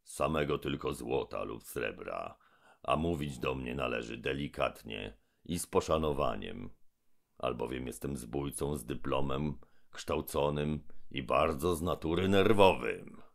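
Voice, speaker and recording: A colossal robber creature with a diploma speaks in a storybook, as a man puts him on. The voice sits very low and gravelly, dragging out each word with pompous, menacing weight. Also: measured pace, full character voice. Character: huge pompous robber monster with diploma, male. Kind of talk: audiobook character voice.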